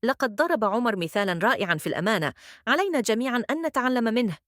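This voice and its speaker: A woman voicing a kind, gentle female schoolteacher in a children's story, speaking in an encouraging, praising tone. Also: on the high side, expressive, very fast, no echo, studio quality, pitched above the performer's own voice. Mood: gently encouraging. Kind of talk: storybook character voice.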